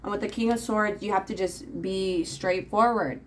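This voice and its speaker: A woman's voice: mid-range voice, steady tone, normal speed, a little hiss or hum, low-quality recording. A woman reading tarot cards in a casual, rambling monologue with plenty of fillers. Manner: chatty, rambling, frequent fillers. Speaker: tarot reader.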